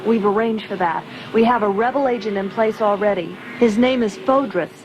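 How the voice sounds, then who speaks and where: An actress playing a commanding young rebel princess with an American accent, brisk and businesslike, in an audio drama. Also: female voice, mid-range voice, lo-fi sound, noisy background, natural voice. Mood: firm, assured. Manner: businesslike, assured, clearly articulated.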